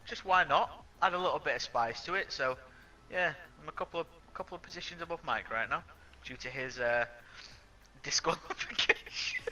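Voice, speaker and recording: Young guy playing co-op racing, bright sharp voice, agrees a lot and laughs easy. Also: on the high side, brisk, poor audio. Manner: easygoing, agreeable, laughs often. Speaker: co-op gaming partner. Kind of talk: casual racing game commentary.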